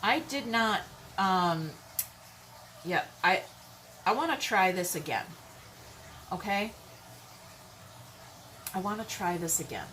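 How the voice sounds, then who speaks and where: A woman's voice: medium pitch, expressive, slow pace, pauses often, a bit bright, slight background noise, low-quality recording. A woman giving a casual, chatty tarot reading, bluntly speaking her mind and often checking in with her listeners. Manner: chatty, keeps checking in with "okay?" and "all right?". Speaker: tarot reader.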